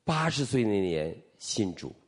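Animated low-voiced man telling his testimony. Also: a little slow, slight background noise. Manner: animated storytelling, acting out dialogue. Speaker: preacher giving his testimony. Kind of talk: storytelling sermon testimony.

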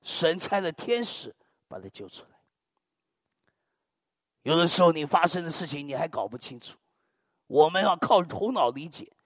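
A man's voice: on the high side, moderate pace, pauses often, no echo, studio quality. An older man preaching a sermon, telling dramatic stories and muttering hallelujahs between lines. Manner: animated, dramatic storytelling peppered with muttered hallelujahs.

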